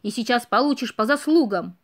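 A woman's voice: a little high, expressive, brisk. A woman voicing an arrogant, lame older male deer in a storybook reading, mocking and condescending.

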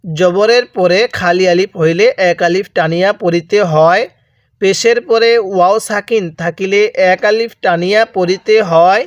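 A man's voice: sits high, fairly even intonation, measured pace, no echo, lo-fi sound. A man teaching Quran reading with a Bangladeshi Bengali accent, patiently drilling letter sounds syllable by syllable for listeners to repeat after him. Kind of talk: slow call-and-repeat recitation lesson.

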